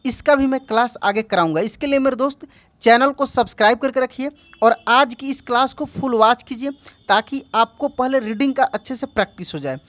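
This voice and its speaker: A woman's voice: a little high, fairly quick, no echo. A woman teaching an English reading lesson online. She spells each word letter by letter, repeats it and asks "what will we read, my friend?". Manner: calls the listener "my friend".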